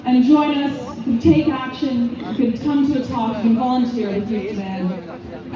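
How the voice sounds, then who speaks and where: High-voiced young woman rallying a crowd. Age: young adult. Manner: forceful, rhetorical, repeats phrases. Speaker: youth activist speaker. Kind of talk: impassioned rally speech. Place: street protest outdoors. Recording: echoey, distant, muffled outdoor PA sound.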